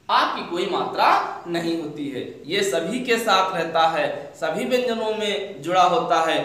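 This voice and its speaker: Male teacher, high voice, quizzes and answers himself, very echoey classroom sound. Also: fairly bright tone. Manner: asks questions and answers them himself. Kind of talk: grammar lesson. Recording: very echoey room.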